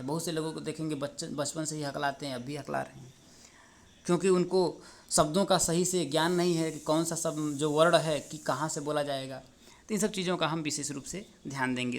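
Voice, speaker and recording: A man's voice: on the high side, a bit bright. Man walking students through exam answers. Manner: explains step by step, often asks and answers his own questions; addresses viewers as friends, repeats words while working out phrasing. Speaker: exam tutor. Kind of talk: exam paper walkthrough lesson.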